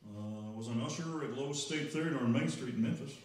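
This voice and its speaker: A man's voice: medium pitch, a little fast, a little mellow, natural voice. A young man playing [name] as a polite, bumbling army recruit who stammers, in a live radio-style comedy skit. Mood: nervous, polite. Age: young adult. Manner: stammering, drawling Elvis impression. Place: library room, live performance, indoors. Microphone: stand microphone, distant camera. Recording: echoey room from far off, music.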